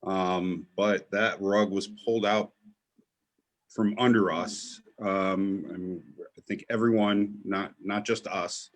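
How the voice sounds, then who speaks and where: A man's voice: low-pitched, fairly even intonation, slow pace. A man from an events company talking easily as a guest, with frequent fillers. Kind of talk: casual video-call chat.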